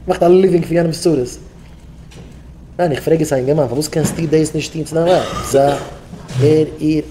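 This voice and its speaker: A rabbi delivering a daily sermon, firing off rhetorical questions and swinging between loud and soft. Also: male voice, medium pitch, a little hiss or hum. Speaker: rabbi giving a daily talk. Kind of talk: animated Yiddish sermon.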